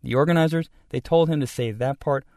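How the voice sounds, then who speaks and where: A male radio reporter narrating a scripted news feature in a measured storytelling delivery. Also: fairly high pitch, mellow, no room sound, clean studio sound.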